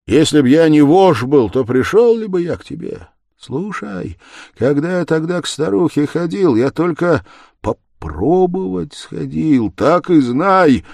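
A man's voice: fairly high pitch, sing-song, measured pace, vocal fry, darkish tone, no room sound, studio quality, pitched above the performer's own voice, exaggerated voice. A male audiobook reader voicing a tormented, feverish young man who argues in agitated, bitter outbursts. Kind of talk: audiobook character voice.

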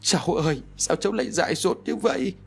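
A man voicing a frightened older grandmother who cries out in high, pleading tones. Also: expressive, a little fast, slightly rough, faint music behind. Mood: wailing.

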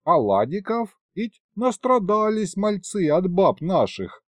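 A man voicing a fussy, fawning old grandfather who talks in a high, sing-song, wheedling way. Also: big pitch swings, slow, dry recording, clean studio sound, exaggerated voice. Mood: doting.

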